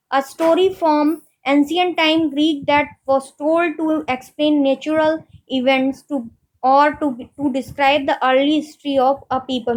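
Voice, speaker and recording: Slow high-voiced woman teaching. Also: darkish tone, poor audio. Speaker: English literature teacher. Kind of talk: exam-prep lecture in Hindi and English.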